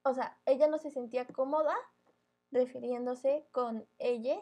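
A woman's voice: high-pitched, fairly even intonation, unhurried, warm tone. A young woman with a Mexican Spanish accent chatting casually on a podcast, blunt and full of slang and swearing. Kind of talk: casual chat.

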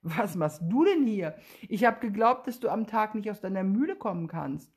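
Woman as a curious young schoolboy, husky, bright and surprised. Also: mid-range voice, lively intonation, normal speed, pitched above the performer's own voice. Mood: lively.

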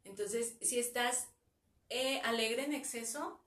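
A woman with a Mexican accent, a psychologist guest, calmly explaining things in a casual chat. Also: fairly high pitch, takes it slowly. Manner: calm, explanatory. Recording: echoey room, somewhat far from mic, faint noise.

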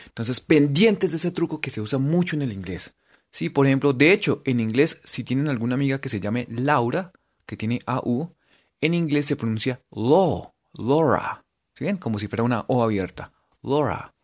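A language teacher with a Colombian accent giving a playful lesson, spelling words letter by letter and stretching out words to sound them out. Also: medium pitch. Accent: Colombian Spanish. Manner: animated, drawn-out sounding-out of words.

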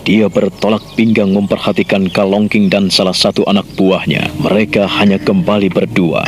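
A man narrating a radio drama in a measured storytelling manner. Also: deep voice, fairly even intonation, noisy background. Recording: old radio drama with loud music underneath.

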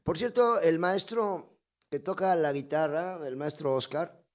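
A man's voice: fairly high pitch, unhurried. A man, a touring musician, telling slangy jokes in a casual chat with the host. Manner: slangy, playful storyteller.

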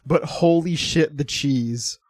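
A man with a fairly high voice, talking casually about metal records as a podcast co-host. He laughs a lot and reads quotes out with gusto. The sound is dry and close, with no room around it. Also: takes it slowly, no echo. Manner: laughs often, reads quotes aloud animatedly. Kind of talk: casual music review chat.

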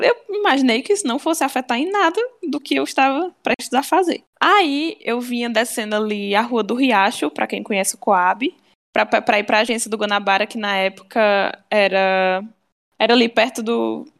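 A woman's voice: a little high, creaky. A young woman with a Cearense Brazilian accent, telling a story in casual chat and acting out the dialogue. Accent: Cearense Brazilian Portuguese. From Ceará, Brazil. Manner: animated, acts out dialogue, fast. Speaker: storyteller guest.

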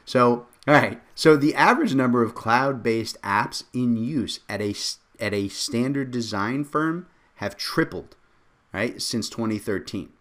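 A man co-hosting a podcast in casual discussion, lively and joking, often tagging his points with questions. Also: medium pitch, a little slow. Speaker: podcast co-host.

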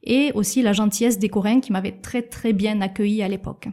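Mellow-voiced woman, calm podcast co-host. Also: medium pitch. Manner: measured, explanatory, with soft hesitations. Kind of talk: casual podcast chat.

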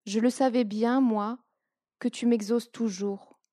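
A woman voicing a grave, calm male teacher of faith in a slow, solemn reading. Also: fairly high pitch, no room sound, studio quality.

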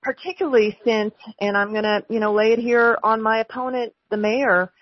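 Husky american lady doing a campaign phone town hall, stops and starts a lot, lo-fi line. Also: on the high side, fairly even intonation, normal speed. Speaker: city council member running for mayor, hosting a town hall. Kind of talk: live telephone town hall, campaign talk. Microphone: telephone. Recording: dull, lo-fi telephone line.

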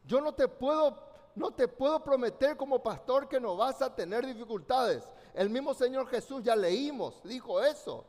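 Male pastor, strikingly high voice, fervent sermon, long hall reverb. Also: animated, moderate pace, a little mellow. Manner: fervent, commanding, calls for congregation responses. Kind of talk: preaching a sermon.

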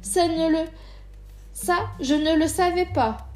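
A polite, curious little girl speaks sweetly and softly, as a woman reading a storybook puts her on. The voice sits very high. The words come slow and gentle. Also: faint music behind.

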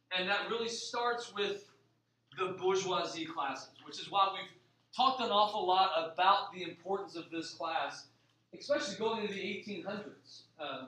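A man's voice: high-pitched, pushed and bright. A man teaching history in an informal, conversational classroom lecture style, stressing points by repeating them. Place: echoey room. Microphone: distant microphone. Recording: very echoey, distant mic, faint noise.

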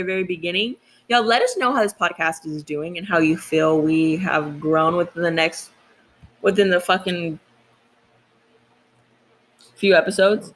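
A woman's voice: lowish voice, rough recording. Chatty young woman co-hosting a podcast. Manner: chatty, swears casually, self-deprecating. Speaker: podcast co-host. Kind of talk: casual podcast chat.

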